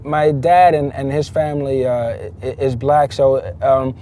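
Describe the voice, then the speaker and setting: A man's voice: mid-range voice, fairly even intonation, a little slow, warm tone, a little hiss or hum. A man, a rapper raised in the Netherlands, talking casually in an interview, emphatic and loose, with many fillers and restarts.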